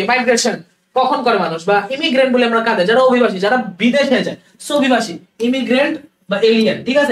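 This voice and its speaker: A young man who teaches English vocabulary gives a classroom lecture on word meanings, walking through each point step by step and frequently repeating key words. His voice is high and a little bright. It sounds distant, with a roomy echo around it.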